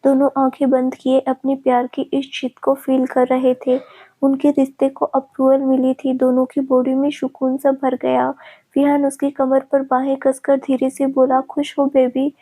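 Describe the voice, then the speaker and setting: A woman narrating a family love story in a steady, even reading. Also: high-pitched, moderate pace.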